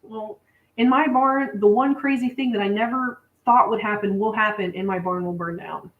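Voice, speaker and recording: A woman's voice: medium pitch, moderate pace. A woman co-hosting a casual farm livestream, chatty, laughing often and greeting viewers. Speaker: farm channel co-host. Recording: echoey, distant, dull mic.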